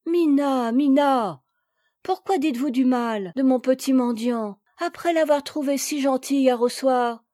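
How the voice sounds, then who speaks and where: A woman's voice: high voice, mellow, no echo, studio quality. A woman reader voicing a kind, chattering little rich girl in a storybook.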